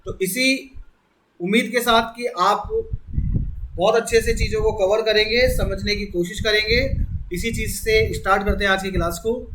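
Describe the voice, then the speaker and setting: A man's voice: sits high, fairly even intonation, normal speed, fairly bright tone, slight background noise, rough recording. A man teaching an exam-prep lesson, explaining step by step and repeating key words. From India. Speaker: reasoning teacher. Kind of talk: exam-prep classroom lecture.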